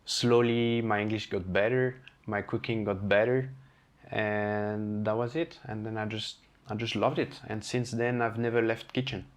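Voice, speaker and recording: Here a French-accented chef from France chats on an interview podcast in casual storytelling mode. He sounds lowish and unhurried, candid and animated, performing the voices of people in his anecdotes.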